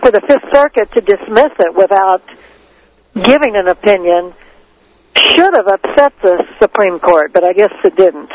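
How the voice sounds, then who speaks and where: A woman's voice: medium pitch, lively intonation, moderate pace, muffled recording, background noise. A woman reporting live from outdoors over a phone-in, plain-spoken and blunt with some fillers. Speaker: field reporter. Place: outdoors outside a prison.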